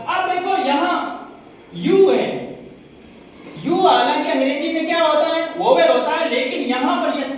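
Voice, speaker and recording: Woman teacher, high voice, grammar lesson, quizzes herself then answers, far from the mic in a very echoey room. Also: slight background noise. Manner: asks questions and answers them herself, repeats words slowly. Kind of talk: grammar lesson with call-and-response questions. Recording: echoey room, distant mic, faint background.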